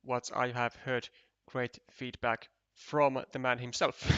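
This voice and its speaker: Male game caster, slow and bright, dry mic, thinks aloud and restarts often. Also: medium pitch, flat delivery, smooth, no room sound, muffled recording. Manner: thinking aloud, counting tiles, many restarts. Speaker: esports commentator. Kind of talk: live game commentary.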